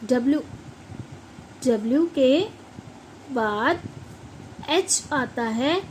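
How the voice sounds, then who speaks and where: A woman's voice: high voice, animated, very slow, a little hiss or hum, rough recording. A woman teaching pronunciation in a classroom style. She spells out words letter by letter, repeats them, and keeps checking that her listeners follow. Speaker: English teacher. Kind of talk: classroom explanation.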